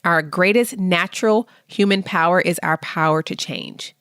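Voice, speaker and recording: A woman hosting a podcast, giving a motivational monologue with slow, deliberate affirmations spoken straight to the listener. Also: on the low side, fairly bright tone, clear, resonant tone, no room sound, studio quality. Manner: encouraging, speaks directly to the listener. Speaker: podcast host.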